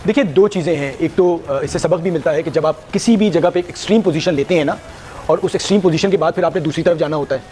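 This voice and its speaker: Quick man explaining a point to a panel. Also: on the high side, dark tone, soft background music. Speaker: panel guest. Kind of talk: debate commentary.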